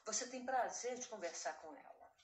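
A woman's voice: mid-range voice, animated, normal speed. Lady in her 60s chatting earnestly, mid voice, roomy echo, bit of hiss. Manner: earnest, chatty, addresses listeners as girls.

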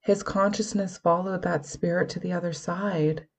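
A woman voicing a calm young medium who speaks quietly and evenly, at times in a near whisper. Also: medium pitch, creaky. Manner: quiet, measured, sometimes whispering.

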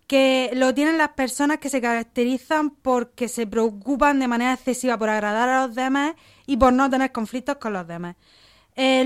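Calm, clear-voiced psychologist woman. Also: high voice. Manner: calm, methodical, explaining in structured lists. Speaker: psychologist guest. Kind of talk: explanatory radio interview answers.

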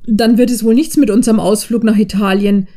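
Calm teasing young guy, woman reading it, mellow voice, audiobook. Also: mid-range voice, fairly quick, lightly acted. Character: young man, secretive and teasing.

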